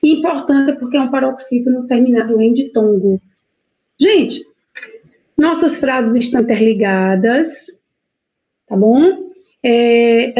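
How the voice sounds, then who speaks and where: A woman's voice: a little high, warm tone. Brazilian woman teacher, lo-fi stream. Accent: Brazilian Portuguese. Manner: explains step by step, often checks with "tá bom?"; dictates punctuation aloud. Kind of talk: live online essay-writing lesson.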